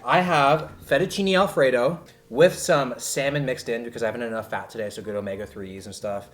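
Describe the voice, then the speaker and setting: A young man talks through food and training in a loose, joking vlog style. His voice sits in an ordinary middle pitch, with faint music playing underneath. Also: fairly quick. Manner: joking, chatty, explaining diet tips. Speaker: fitness vlogger. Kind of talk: casual vlog chat.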